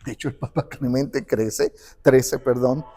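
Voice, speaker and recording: A man telling a saint's life in conversation, acting out the quoted dialogue with lively shifts. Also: medium pitch, a little slow. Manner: animated, acts out quoted dialogue. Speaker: guest speaker on the parish patron saint. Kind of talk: conversational storytelling.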